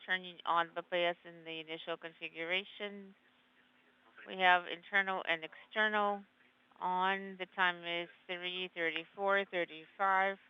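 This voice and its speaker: A man's voice: high voice, clean tone. Man on a crackly sci-fi-style space radio. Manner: clipped, matter-of-fact readouts. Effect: space-to-ground radio transmission. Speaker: space station crew member. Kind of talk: procedural radio callouts. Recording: dull lo-fi radio downlink.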